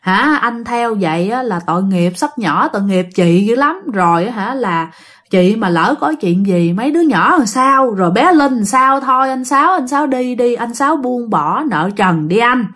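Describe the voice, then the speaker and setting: A mother gently coaxes a ghost to let go in a soft Southern Vietnamese voice, as a woman storyteller puts her on. She speaks quietly and kindly. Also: fairly high pitch, lively intonation, moderate pace. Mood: soft coaxing. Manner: soft coaxing pleading. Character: gentle middle-aged mother coaxing a ghost.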